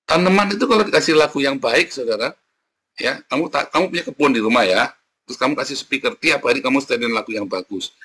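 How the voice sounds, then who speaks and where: Guy preaching, bright tone a bit husky, jokey and animated, keeps calling the crowd brother. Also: mid-range voice, fast talker. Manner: animated, playful, sings snatches and makes sound effects; addresses the audience as "saudara" constantly. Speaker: pastor. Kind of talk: lively sermon.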